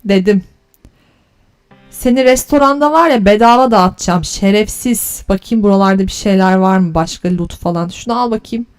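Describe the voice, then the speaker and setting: A woman hosting a gaming channel, giving let's play commentary as she swears and bickers at the creatures on screen, switching to teasing mock flattery. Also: mid-range voice, normal speed, clean tone, soft background music. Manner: exasperated, cursing and bantering at the game's creatures.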